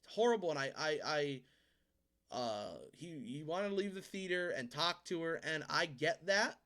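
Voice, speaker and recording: A man in his twenties hosts a video of casual storytelling and movie ranking, rambling, swearing freely, and quickly correcting himself. His voice is on the high side with a fairly bright tone.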